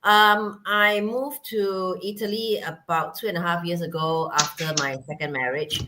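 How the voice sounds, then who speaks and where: A woman's voice: on the low side, fairly even intonation, moderate pace, noisy background. A middle-aged woman from Singapore, a guest chatting casually over a video call, with laughing asides. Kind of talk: casual self-introduction.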